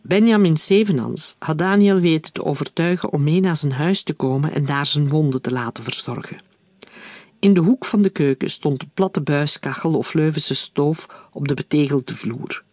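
Male audiobook narrator, slightly high voice, calm, even delivery, dry close recording. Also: normal speed, no echo.

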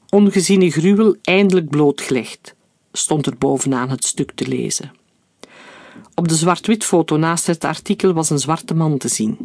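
A man reading a story aloud in a steady, clear narrating voice. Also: on the high side, no room sound.

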